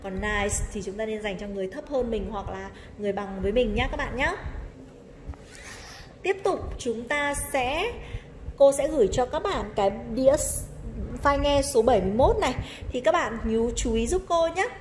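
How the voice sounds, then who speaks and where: Echoey woman teaching English words. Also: fairly high pitch. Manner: explains in Vietnamese, models English words slowly. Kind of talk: online English lesson for children. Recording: echoey room with long reverb, faint noise.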